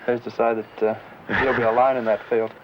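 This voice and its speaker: Fast-talking man, dull noisy recording. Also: medium pitch, flat delivery. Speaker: experienced rock climber coaching a novice. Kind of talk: casual outdoor instruction. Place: outdoors at a rocky cliff. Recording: dull 1970s location film sound, noisy.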